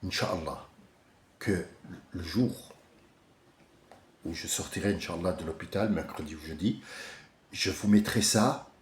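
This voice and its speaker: A man giving an informal religious commentary, passionate and digressive, swinging from soft musing to loud ranting. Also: low-pitched, measured pace, long pauses, reverberant, a little hiss or hum. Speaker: religious speaker.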